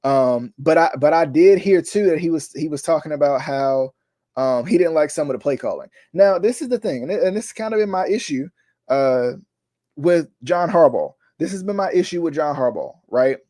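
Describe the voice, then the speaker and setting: A man's voice: fairly high pitch, expressive, moderate pace, warm tone. A young man hosting a casual sports talk show, ranting in frustration, repeating himself and addressing viewers as y'all. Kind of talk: casual sports commentary vlog.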